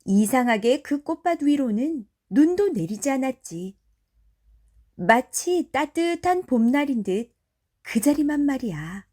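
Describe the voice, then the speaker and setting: Gentle lady reading a bedtime story asmr style, high voice, real slow. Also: very animated. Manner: gentle, soothing, conversational narration.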